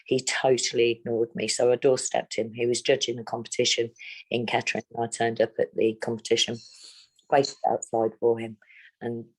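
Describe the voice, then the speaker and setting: A woman's voice: a bass voice, level tone, husky. A middle-aged woman from England, speaking bluntly and steadily as an interviewee. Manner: blunt, plain-spoken, measured. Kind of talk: candid interview.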